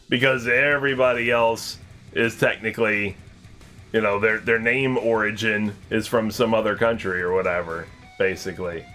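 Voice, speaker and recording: A man from America chats loosely over his game stream, rambling through thoughts with plenty of "you know" and "uh". His voice has a bright, forward edge, with faint guitar music playing underneath. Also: lowish voice, steady tone, measured pace, long pauses. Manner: rambling, chatty, with many fillers. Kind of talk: casual chat while gaming.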